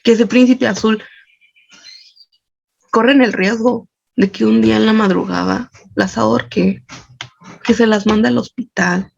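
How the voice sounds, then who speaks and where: Gravelly-voiced Mexican woman, intense and emphatic. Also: on the high side, steady tone, unhurried, pauses often, darkish tone. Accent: Mexican Spanish. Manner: intense, emphatic, builds with repetition. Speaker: psychologist and feminist activist, interview guest. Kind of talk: earnest explanatory interview answers. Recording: dull lo-fi audio.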